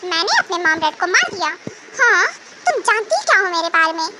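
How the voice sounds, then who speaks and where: A hot-tempered young husband with anger issues, played by a woman in a fan audio drama, all sweet talk until he snaps. The voice sits very high, and there is steady noise from a home recording underneath. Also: fairly quick. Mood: angry. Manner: sweet-talking, then snapping and shouting.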